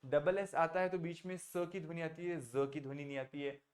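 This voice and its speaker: A man's voice: on the high side, fairly even intonation. A man teaching a French class, explaining sounds patiently and mixing Hindi with English. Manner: explains slowly, mixing Hindi and English, coaxes students to repeat. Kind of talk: online class teaching pronunciation.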